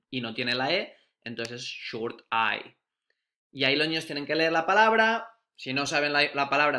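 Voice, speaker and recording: A male primary school teacher giving a phonics lesson, slowly sounding out and repeating letter sounds. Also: mid-range voice, sharp tone.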